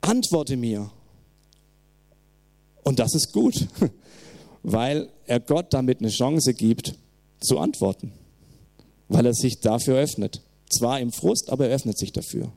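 A man preaching a sermon as pastor, speaking in a lively, emphatic way. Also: mid-range voice, unhurried, creaky. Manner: lively, emphatic, laughs between points.

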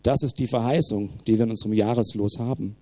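A man preaching a sermon as pastor, speaking in a lively, emphatic way. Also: lowish voice, fast. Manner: lively, emphatic, laughs between points.

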